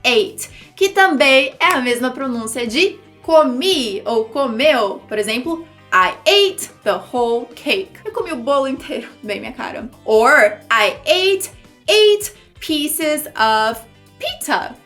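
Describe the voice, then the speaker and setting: A young woman teaching English numbers, explaining in a lively way and repeating example words. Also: high voice, slow, faint music behind. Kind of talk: language lesson for Portuguese speakers.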